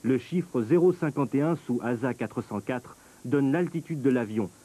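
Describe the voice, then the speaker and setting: A man narrating a documentary in a measured, scripted, explanatory way. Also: medium pitch, dark tone, low-quality recording.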